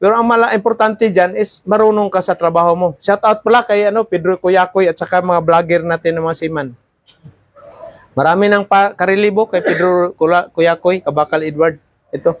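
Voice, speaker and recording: A man's voice: sits high, fairly even intonation, fairly quick, dry recording. A man teaching a class of seafarer trainees, lecturing and often checking in with "ha?" and "di ba?". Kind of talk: classroom talk.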